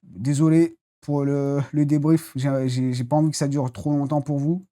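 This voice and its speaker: A football channel host giving a casual, rambling live debrief after a match, blunt and quick to swear. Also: medium pitch, flat delivery, dark tone.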